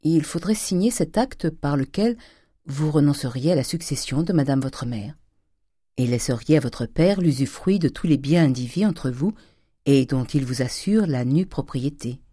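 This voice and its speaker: Brief: reader playing a stiff, careful notary, measured legal tone, dry recording. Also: mid-range voice, expressive, mellow, breathy edge, no room sound. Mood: formal. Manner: measured, formal legal phrasing. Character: middle-aged male notary, formal and careful.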